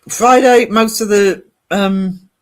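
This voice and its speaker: This man from northern England hosts a livestream, rambling casually in a British accent as he reads and responds to viewer comments. His high voice is clean-toned with fairly even intonation, and he takes his time.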